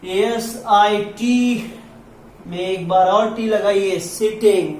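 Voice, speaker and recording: A man teaching at a slow, deliberate pace, spelling out words one letter at a time. His voice sounds echoey and distant, recorded from across a classroom, with faint room ambience behind him. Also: high-pitched, slight background noise. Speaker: English teacher. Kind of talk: classroom lesson.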